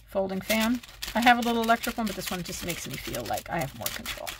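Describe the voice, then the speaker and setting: Woman, beauty vlogger, casual chat, wry muttered asides, very lively pitch, slight background hiss. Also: fast. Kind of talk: casual get-ready-with-me chat. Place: at home, seated while doing makeup.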